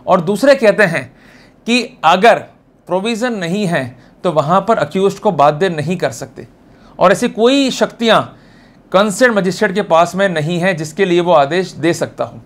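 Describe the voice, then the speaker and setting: An expressive Indian-accented lawyer with a distinctly high voice delivers law lectures at normal speed, much like a teacher before a class. He's emphatic but informal, putting direct questions to his listeners to check their understanding.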